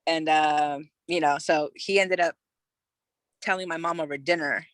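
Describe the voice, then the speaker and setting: Her voice sits low with a steady tone and measured pace, captured on a dry recording. The speaker, a Californian woman in her thirties appearing as a podcast guest, tells her own story loosely and frankly, leaning on "you know" and tossing in casual profanity.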